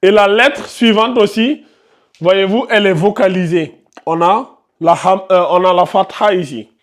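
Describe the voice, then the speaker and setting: A man's voice: high voice, a little slow. A man teaching Quran recitation rules to a live class, quizzing his students and repeating the key terms. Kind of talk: live classroom tajwid lesson.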